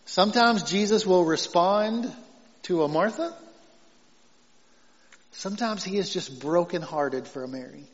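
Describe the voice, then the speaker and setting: A male pastor preaching a conversational sermon, moving from emphatic points to soft, tender passages. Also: high-pitched, lively intonation, measured pace, long pauses. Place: church sanctuary. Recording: dull sound in a reverberant hall.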